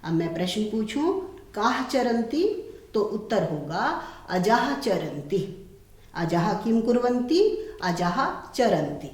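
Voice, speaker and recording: Woman teacher, slow and deliberate, repeats word forms, echoey room. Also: medium pitch, expressive, a little mellow. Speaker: Sanskrit teacher. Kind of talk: classroom lesson explaining textbook.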